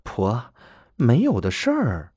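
A man's voice: mid-range voice, wildly swooping pitch, takes it slowly, husky, no echo, clean studio sound, full character voice. A man doing a timid young bride. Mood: humble. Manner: soft, humble, eager to please.

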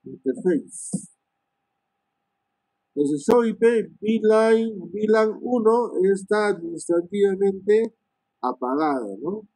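A male networking instructor talks students through switch commands, thinking aloud, tagging lines with "¿no?" and filling pauses with "este". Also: high-pitched, darkish tone, dry recording, rough recording. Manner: many "este" fillers and restarts. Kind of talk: live screen-share lesson on switch commands.

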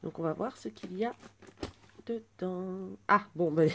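A woman in her twenties chatting through an unboxing at home, gushing with soft exclamations. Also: on the low side, measured pace, vocal fry, a little hiss or hum. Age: 20s. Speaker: vlogger unboxing a birthday gift. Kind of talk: casual unboxing chat.

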